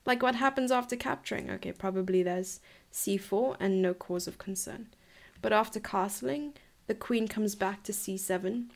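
A woman's voice: mid-range voice, normal speed. A woman in her twenties from South Africa, coaching a chess lesson in a chatty, enthusiastic way from a room at home. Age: 20s. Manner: chatty, enthusiastic, laughs and muses aloud. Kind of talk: live-streamed chess lesson.

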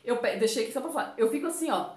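A woman's voice: a little high, animated, rapid-fire, darkish tone, echoey room. A woman from Brazil talking casually to camera as a vlogger, chatty and addressing her viewers often, with a runny nose.

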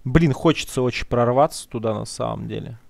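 This let's play gamer has a mid-range, creaky, slightly mellow voice, with a little hiss or hum on the recording. He talks slang to his "guys," muttering his thoughts and musing at length as he plays.

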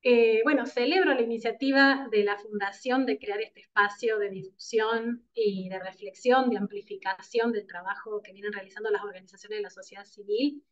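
A woman in her thirties with an Argentine accent from Córdoba, giving a formal seminar presentation from home over a video call, measured, with frequent "eh" pauses. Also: medium pitch, steady tone. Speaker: seminar speaker. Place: home room with plants, indoors. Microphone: laptop webcam on a video call. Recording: muffled video call audio.

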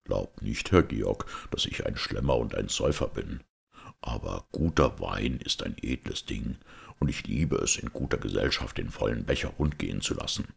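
Brooding outlaw knight, middle-aged, husky and rough, a man reading him; solemn storybook nobleman. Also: animated, heavily acted. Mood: jovial. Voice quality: deep gravelly rasp. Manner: solemn, weighty, slow delivery. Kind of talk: audiobook character voice.

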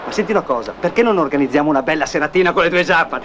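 A man's voice: fairly high pitch, expressive, very fast, fairly bright tone. An actor playing a cheeky, crude, chummy male maintenance worker in a seventies Italian film comedy. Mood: brash, chummy. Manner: brash, chummy. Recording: old film soundtrack, factory noise.

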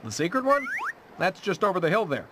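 Gossipy friendly shopkeeper, offhand patter, noisy background, game. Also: male voice, high-pitched, sing-song, a little fast. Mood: chatty. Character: chatty male shopkeeper, helpful and gossipy.

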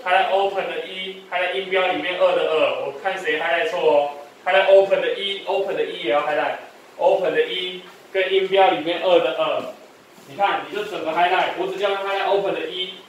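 A man's voice: sits high, fairly even intonation, fairly quick. A man teaching English phonics, repeating each sound twice and scolding lapses in attention. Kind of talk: one-on-one phonics drill. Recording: very echoey room, voice far from mic, faint noise.

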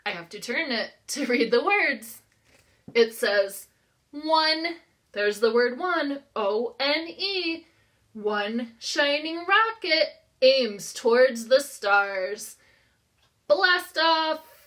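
This American preschool teacher, in her thirties, reads aloud to little children very slowly and with animation, her high-pitched voice a bit bright. The session is interactive, built on simple, encouraging phrases and questions.

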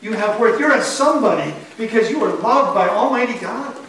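Man, pastor, sermon, earnest, emphatic, high voice, echoey church, distant mic. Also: lively intonation, brisk, fairly bright tone, a little hiss or hum. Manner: earnest, emphatic preaching with rhetorical questions. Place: church sanctuary, indoors. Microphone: far camera.

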